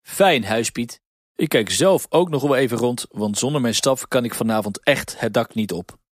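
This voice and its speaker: A man voicing a kindly, dignified old saint who talks slowly and steadily in a storybook. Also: mid-range voice, no room sound, clean studio sound, close to an everyday voice. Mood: concerned.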